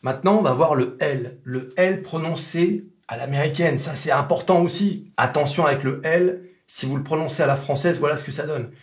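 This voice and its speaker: A native French speaker giving a casual pronunciation lesson, repeating sounds slowly to demonstrate them. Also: male voice, on the high side. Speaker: English pronunciation teacher.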